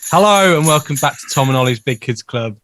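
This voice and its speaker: A man's voice: mid-range voice, expressive, a little fast, over music. A young man co-hosting a podcast, rambling casually between laughs. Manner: chatty, rambling, laughs often. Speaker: podcast co-host. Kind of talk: casual chat.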